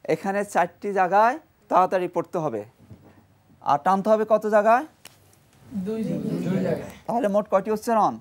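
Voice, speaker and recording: Speaking fairly quickly in a mid-range voice, a Quran reading teacher runs a quiz-style TV lesson, asking students questions, cueing group recitation, and praising their responses. Students chant along in the studio, and there's a little hiss or hum.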